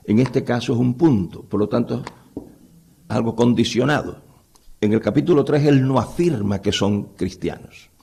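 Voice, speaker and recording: A man's voice: fairly low pitch, creaky, mellow, husky. A man lecturing on the Bible to a live audience in a conversational way, often putting rhetorical questions to his listeners.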